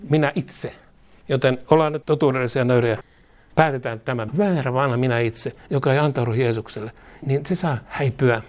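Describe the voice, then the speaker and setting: A man's voice: medium pitch, fairly even intonation, a little mellow. A man preaching a sermon, fervent, leading a repeated prayer and speaking in tongues. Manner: fervent, prays aloud repeating each line. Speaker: pastor.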